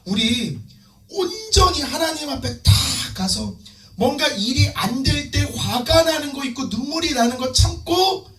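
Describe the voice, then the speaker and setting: High-voiced fervent male pastor preaching. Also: animated, unhurried, bright, forceful tone. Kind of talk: sermon. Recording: echoey room, distant mic, faint music.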